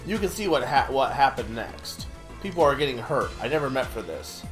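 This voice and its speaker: A man's voice: medium pitch, big pitch swings, normal speed, fairly bright tone, soft background music. A man playing an earnest, pleading bird scientist from a video game, speaking with urgency as a mentor. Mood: regretful.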